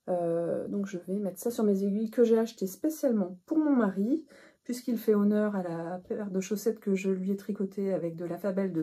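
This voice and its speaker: Chatty French woman with a mellow voice. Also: medium pitch, husky. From northern France. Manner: chatty, many hesitations and restarts. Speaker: knitting podcast host. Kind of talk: casual chat to camera.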